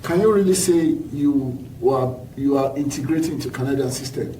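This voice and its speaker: A man with an African accent hosts a conversational discussion in a soft, mellow tone. He repeats himself and checks that listeners follow. He sounds distant from the mic in an echoey room with faint noise. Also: mid-range voice, normal speed. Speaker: host.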